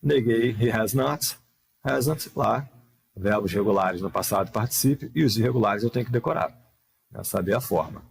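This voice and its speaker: A man teaching English grammar in a live online lesson, explaining patiently with many rhetorical questions and reading the English examples slowly and carefully. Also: on the low side, vocal fry, slight background noise.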